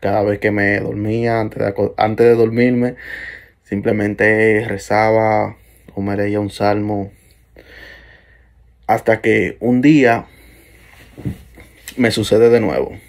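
A young man recounts a frightening night-time encounter in first person, with a somewhat low voice. He speaks earnestly and hesitantly, restarting phrases and trailing off as he remembers. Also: flat delivery, takes it slowly, vocal fry, long pauses, darkish tone. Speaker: storyteller. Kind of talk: first-person paranormal story.

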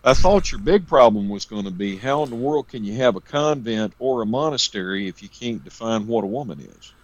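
A man's voice: medium pitch, animated, fairly quick, no echo. A man with a Southern American accent co-hosting a podcast in casual chat, wisecracking and dropping short acknowledgments. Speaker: podcast co-host.

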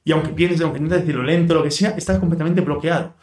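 A man's voice: fairly high pitch, quick pace, darkish tone, recorded from a distance. A man hypnotizing a guest, speaking in soothing suggestive patter. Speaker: hypnotist host. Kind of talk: guided hypnosis induction. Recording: roomy, off-mic.

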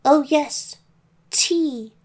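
A woman's voice: high-pitched, lively intonation, measured pace, darkish tone, pitched above the performer's own voice. A woman voicing a wolf who pretends to be a sweet old grandmother, in a sugary, fussy put-on old-lady voice. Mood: sugary fake. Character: big wolf faking a sweet old granny.

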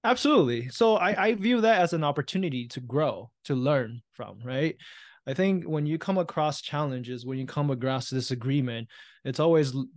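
A man's voice: fairly high pitch, animated, moderate pace. A man in his thirties from Taiwan, a real estate investor speaking as a guest in a casual interview, reflective and often checking in with "right?". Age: 30s.

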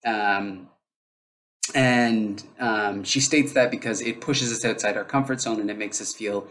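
Here a native English-speaking man hosts a solo podcast without a script, speaking unhurriedly in a lowish, slightly bright voice with fairly even intonation. He thinks out loud, uses lots of fillers like "um" and often breaks off to restart sentences.

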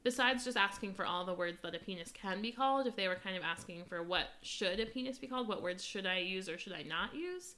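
A woman co-hosting a podcast in casual chat, wry and quick to laugh. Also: mid-range voice, lively intonation. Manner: wry, laughing, reads aloud with loud emphasis. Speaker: podcast co-host.

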